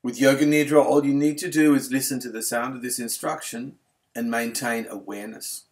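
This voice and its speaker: A yoga instructor with a medium-pitched male voice leads a guided relaxation. He stays calm and unhurried, giving each instruction in a gentle, soothing way.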